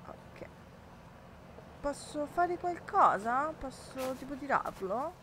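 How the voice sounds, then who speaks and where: A woman's voice: high-pitched, expressive, slow, noisy background. A woman, chatting jumpily with viewers and laughing often while she plays a game on a live stream. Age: 30s. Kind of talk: casual live-stream chat while gaming.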